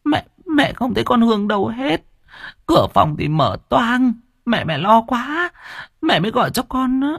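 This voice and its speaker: A man's voice: a little high, very animated, moderate pace, a little mellow, husky, no echo, studio quality, pitched above the performer's own voice, full character voice. A man voicing an anxious middle-aged mother, choked and stammering, in an audiobook. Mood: frantic.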